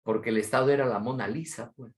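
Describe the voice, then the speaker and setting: A man's voice: mid-range voice, fast. A man, giving a class lecture as a teacher, telling anecdotes and asking rhetorical questions. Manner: animated storyteller, rhetorical questions.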